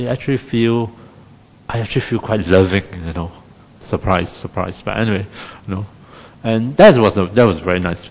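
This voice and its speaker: Gentle meditation teacher in a reverberant hall. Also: male voice, fairly low pitch. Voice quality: gentle, with many pauses and fillers. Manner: chatty and self-deprecating with humor. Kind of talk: casual dharma talk.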